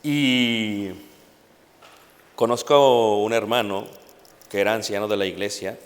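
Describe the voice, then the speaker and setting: Emphatic preacher in a reverberant church hall. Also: male voice, lowish voice, steady tone, slow. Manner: emphatic, repeatedly addressing the congregation. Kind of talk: Spanish-language sermon.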